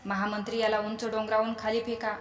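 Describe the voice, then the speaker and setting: A woman's voice: a little high, level tone, a little fast, a little hiss or hum, lightly acted. A woman voicing a furious, arrogant demon king who barks scornful commands, in an echoey space with a long reverb. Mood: enraged.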